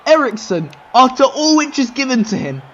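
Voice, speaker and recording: Excitable high-voiced man calling a race. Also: normal speed, highs cut off, slight background noise. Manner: excitable, rambling, frequent "um" fillers. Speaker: race commentator and series host. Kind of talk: casual sim-racing commentary.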